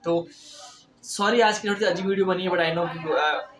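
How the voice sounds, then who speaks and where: A young man giving casual motivational advice in a vlog, talking fast and stressed, mixing in English phrases. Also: sits high, noisy background. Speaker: self-improvement vlogger. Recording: roomy echo.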